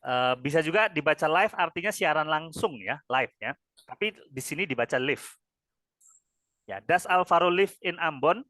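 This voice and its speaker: Indonesian male teacher, bright and a bit high, patient drilling style, tags phrases with "ya", dry close mic. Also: animated, normal speed, no echo. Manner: repeats "ya" after each phrase, drills answers with students. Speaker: English teacher. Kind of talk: classroom grammar lesson.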